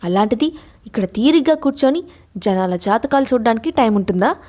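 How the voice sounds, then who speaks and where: A woman voicing a hot-tempered young woman shouting. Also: fairly high pitch, expressive, a little fast. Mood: angry. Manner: angry, scolding.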